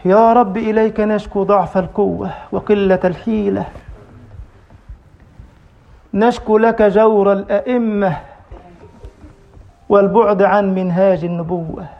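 A man's voice: sits high, steady tone, a little slow, vocal fry, pauses often, highs cut off. A man preaching a sermon and telling stories, impassioned, with his voice rising into cries at the refrains. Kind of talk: sermon storytelling.

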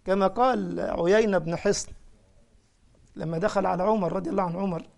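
Egyptian sheikh man preaching, pretty high voice, lively storyteller, keeps asking the crowd stuff. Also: brisk, vocal fry. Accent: Egyptian Arabic. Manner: animated storytelling with questions to the listeners. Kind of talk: sermon.

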